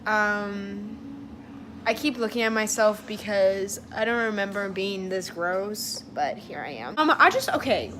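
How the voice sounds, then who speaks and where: A woman's voice: medium pitch, expressive, measured pace, noisy background. A young woman talking casually to her phone camera in a vlog, rambling and self-deprecating with lots of fillers. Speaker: vlogger.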